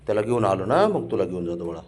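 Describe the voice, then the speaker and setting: A man's voice: sits low, sing-song, quick pace, darkish tone, a little hiss or hum. A man, chatting casually to his dog on a home vlog, coaxing and scolding it with affection. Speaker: pet owner filming his dog. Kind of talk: casual vlog, talking to pets.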